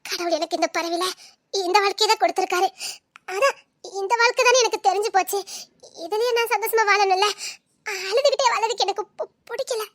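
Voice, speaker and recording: A woman plays a young wife in a drama, crying and ashamed, her very high voice breaking between sobs and strained little laughs. She speaks with a quiet, self-denying hurt. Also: a little fast. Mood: tearful. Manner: tearful, broken, half-laughing through sobs.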